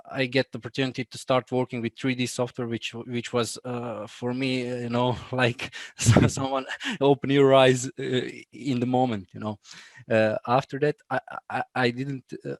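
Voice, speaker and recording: A man in his thirties with a Croatian accent talks haltingly over a video call, full of fillers and restarts. His voice stays flat in pitch, and the recording is dry and close. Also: no echo. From Bosnia. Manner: laughs often. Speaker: guest, BIM manager. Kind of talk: casual interview.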